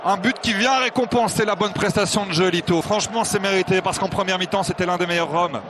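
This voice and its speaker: A man gives excited live football commentary in a high voice. A clearly audible crowd and stadium noise sit behind him. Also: quick pace.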